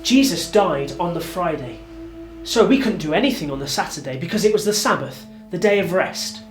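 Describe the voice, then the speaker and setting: A man's voice: high-pitched, animated, normal speed, faint music behind. A man playing an apostle, narrating his memories in an earnest, reflective way. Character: older male apostle recalling his past. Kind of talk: dramatic narration.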